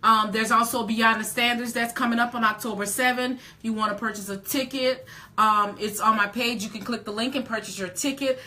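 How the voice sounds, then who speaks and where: A woman's voice: medium pitch, pushed and bright. A woman in her late forties hosting a casual live chat, emphatic and folksy, repeating words for stress. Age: 40s. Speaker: host.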